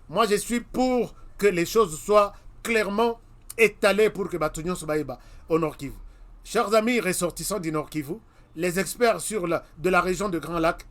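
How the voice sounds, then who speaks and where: A Congolese man hosts his own web TV channel, delivering an emphatic commentary straight to viewers and repeating his warnings again and again. His voice is high with a fairly bright tone.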